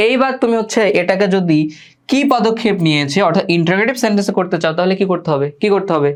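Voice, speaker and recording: A man's voice: sits high, lively intonation, very fast. A man with a Bangladeshi Bengali accent teaching English grammar in an online class. He often repeats words, asks his students questions and corrects their pronunciation patiently.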